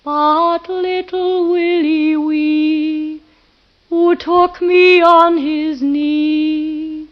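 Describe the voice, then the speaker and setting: A woman playing a lovelorn young village woman in a 1950s radio play, singing a slow, wistful ballad. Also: high-pitched, level tone. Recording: dull old radio broadcast with faint music.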